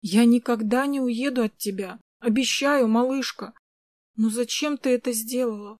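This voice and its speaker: A woman voicing a protective older brother who speaks firmly without shouting, in a read-aloud story. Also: a little high, moderate pace, dry recording, studio quality, close to an everyday voice. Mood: gentle firm. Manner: firm, calm, commanding. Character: firm protective older brother, young man.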